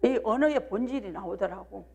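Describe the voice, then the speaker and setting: A woman pastor with a Jeolla accent preaches a live church sermon. Her voice has a gravelly, creaky edge at a middling pitch. She keeps asking the congregation questions and calling for their agreement. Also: expressive, normal speed, dark tone, muffled recording. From South Jeolla, Korea. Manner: preaching with rhetorical questions and calls of "do you believe?".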